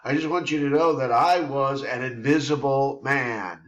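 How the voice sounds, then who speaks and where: A middle-aged man hosts a reflective monologue at a middle pitch, speaking in long expansive runs that pile verb on verb. The recording sounds somewhat dull and lo-fi. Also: moderate pace. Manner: expansive, piles up verbs. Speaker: host.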